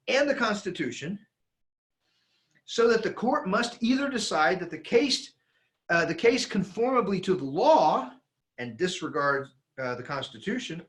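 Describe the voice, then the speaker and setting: A man giving an emphatic, animated lecture that he reads from a handout, with frequent restarts. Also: high-pitched. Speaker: teacher.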